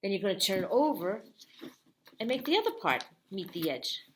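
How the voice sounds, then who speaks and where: A woman's voice: medium pitch, sing-song, moderate pace, slight background noise. A woman librarian giving a friendly, step-by-step craft tutorial for kids. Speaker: children's librarian.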